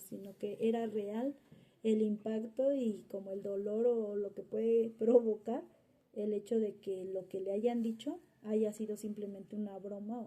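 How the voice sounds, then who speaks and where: A woman's voice: mid-range voice, warm tone, husky. A woman, a mother answering interview questions in a rambling, casual way with many fillers and restarts. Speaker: mother of interviewee's subject child.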